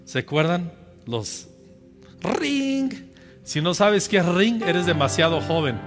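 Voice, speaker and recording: A Mexican man in his fifties, a pastor telling a personal story in a sermon, lively and humorous, speaking directly to his congregation. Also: fairly high pitch, moderate pace. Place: church. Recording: echoey church hall with soft music behind.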